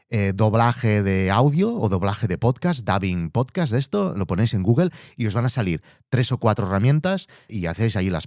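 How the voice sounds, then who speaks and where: A man's voice: fairly low pitch, darkish tone, no room sound, studio quality. A man hosting a podcast, chatting casually, swearing freely and thinking aloud. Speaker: podcast host. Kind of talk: casual monologue.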